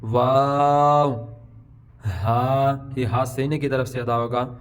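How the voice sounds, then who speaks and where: A middle-aged man teaches letter sounds to beginners at an ordinary mid pitch. He explains patiently and slowly stretches each example letter so learners can copy it. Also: flat delivery. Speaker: Quran pronunciation teacher. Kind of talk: Urdu alphabet lesson.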